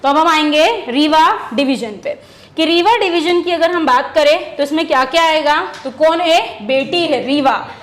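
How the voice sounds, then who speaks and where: In an exam-prep lesson that uses memory stories, a woman teacher speaks at a moderate pace in a voice that sits high. She asks questions and then supplies the answers herself, going over key words repeatedly.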